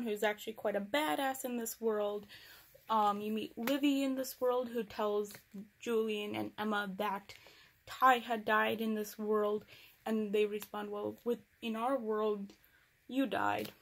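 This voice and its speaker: A woman's voice: mid-range voice, steady tone, unhurried. A young woman casually recapping a novel on her vlog, chatty and rambling, with sarcastic asides. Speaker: book reviewer.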